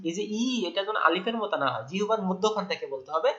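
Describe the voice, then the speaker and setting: Male Quran tutor drilling syllables in a patient call-and-response. Bright, animated delivery on dull, lo-fi audio. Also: sits high. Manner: repeats syllables slowly, praises often, stretches Arabic sounds. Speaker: Quran recitation teacher. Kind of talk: call-and-response pronunciation lesson.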